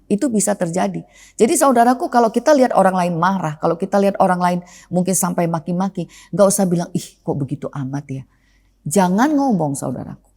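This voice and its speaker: Woman pastor preaching a conversational sermon. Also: darkish tone. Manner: drops pitch and volume on the trailing address word; rhetorical questions and repeated phrases.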